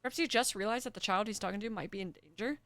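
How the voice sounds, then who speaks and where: A woman's voice: mid-range voice, very fast, a bit bright, no room sound. A young woman streamer reading game narration aloud with dramatic flair and chatting to her viewers in between. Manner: dramatic second-person narration with chatty asides to chat. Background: faint music.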